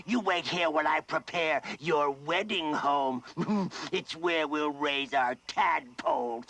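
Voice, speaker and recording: A man voicing a boastful, smug, pompous male toad suitor in an animated cartoon. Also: fairly high pitch, slow pace, vocal fry, a little hiss or hum, heavily acted. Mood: gloating, excited. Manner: pompous, self-satisfied. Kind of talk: animated cartoon character acting. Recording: music behind, VHS cartoon soundtrack.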